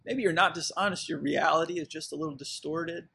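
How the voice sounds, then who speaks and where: Man, pastor, sermon, husky, slightly high voice. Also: fairly even intonation, brisk, bright, forceful tone. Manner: conversational, reflective, with fillers and restarts.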